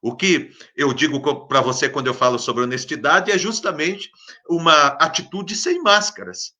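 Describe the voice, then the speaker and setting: A male preacher with a Brazilian Portuguese accent delivers a devotional sermon in a bright, ringing voice. He hammers his points home by repeating them, rising to loud emphasis and then dropping to hushed words. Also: fairly high pitch, moderate pace.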